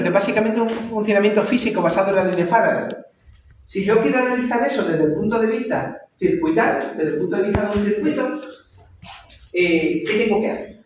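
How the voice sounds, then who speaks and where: A man's voice: high voice, a little hiss or hum. Lecturing man, far off in an echoey room. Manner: repeats and checks understanding with "¿vale?". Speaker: university lecturer. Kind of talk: classroom lecture.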